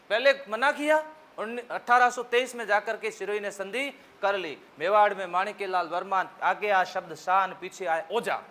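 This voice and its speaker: A man's voice: sits high, bright, forceful tone. A man with a Rajasthani accent teaching an exam-prep lesson with memory tricks, jokey, asking the class questions and answering them himself. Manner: mimics regional speech for laughs.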